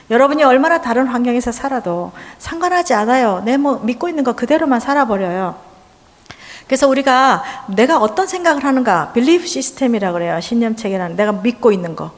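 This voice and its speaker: A woman from Korea preaching a lively sermon in a church, acting out little dialogues and bantering with the congregation. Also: on the high side, fairly quick. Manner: animated, acts out dialogue, chats with audience. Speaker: missionary seminar speaker. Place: church sanctuary. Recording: church hall with long reverb.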